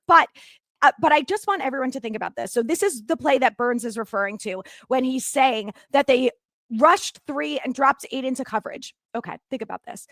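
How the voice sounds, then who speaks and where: Angry, swearing woman with a very high voice. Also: fairly bright tone, dry recording. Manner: heated, swearing, exasperated ranting. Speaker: sports podcast host. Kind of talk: solo sports recap rant.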